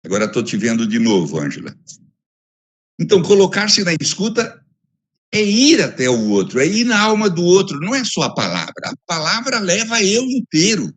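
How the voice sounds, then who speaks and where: A man with a Brazilian Portuguese accent giving an academic lecture over a video call by phone, emphatic and expressive, building ideas through repeated lists. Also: a little high, fairly quick.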